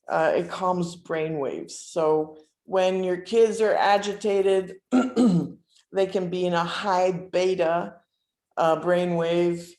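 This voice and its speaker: A woman instructor giving an informal guided relaxation lesson, speaking haltingly with many pauses. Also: mid-range voice, a little mellow. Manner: halting, hesitant, with frequent pauses and throat clearing. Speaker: instructor leading a breathing exercise. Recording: roomy, echoing sound.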